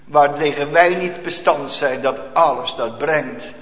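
A man preaching a sermon with fervor, swinging between loud outbursts and hushed passages. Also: a little high, measured pace. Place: church. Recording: echoey church hall, dull lo-fi.

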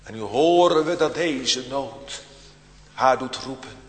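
Slow, solemn male preacher in a reverberant church. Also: mid-range voice. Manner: swings between loud emphatic calls and hushed near-whispers; solemn, deliberate phrasing with dramatic pauses. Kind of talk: sermon.

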